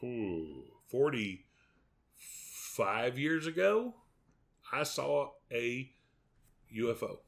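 A man's voice: mid-range voice, very animated, drawn-out words, vocal fry, long pauses. A middle-aged man with a Southern US accent and a folksy drawl, chatting casually as a podcast co-host. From southern United States.

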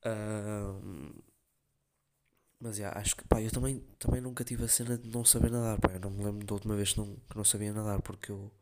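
A man's voice: on the low side, little pitch movement, a little fast, very noisy. A young man with a European Portuguese accent, rambling in slangy casual chat as a podcast host. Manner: slangy, rambling storytelling with many fillers.

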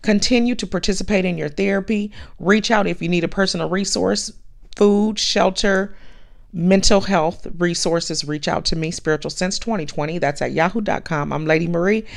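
A woman's voice: lowish voice, normal speed, creaky. A woman podcast host giving a blunt, emphatic motivational monologue, repeating her points and swearing casually.

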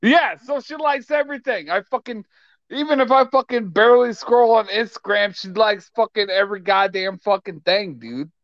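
A man talking as a podcast guest in casual crude banter, loud, yelling often and swearing constantly. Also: high voice, moderate pace, dry recording, highs cut off.

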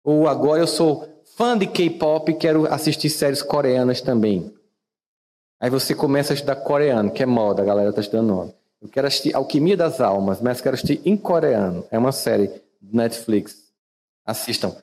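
A man's voice: a little fast, darkish tone, in a large hall. A man with a Brazilian Portuguese accent hosting a reflective motivational talk, conversational and asking his listeners questions. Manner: conversational, asks listeners questions, wide swings in pitch. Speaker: podcast host and teacher.

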